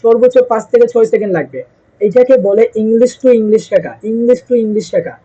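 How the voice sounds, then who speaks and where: High-voiced man teaching spoken English. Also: warm tone, slightly rough. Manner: drills example sentences slowly, mixes English into Bengali. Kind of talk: casual online lesson. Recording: dull lo-fi recording.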